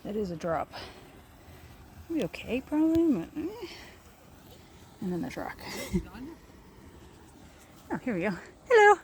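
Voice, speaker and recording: A woman's voice: medium pitch, measured pace, pauses often, slight background noise. Chatty woman vlogging a steep icy hike. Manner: chatty, excitable, talks to viewers while climbing. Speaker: solo hiking vlogger. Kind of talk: casual hiking vlog narration. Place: outdoors on a steep icy mountain trail.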